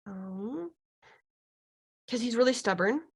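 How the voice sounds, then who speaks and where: A woman guiding a client through an unscripted healing session as a mystical healer, speaking in a halting, searching way with thoughtful pauses. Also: on the high side, expressive, breathy edge. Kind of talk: unscripted guided healing session, musing aloud.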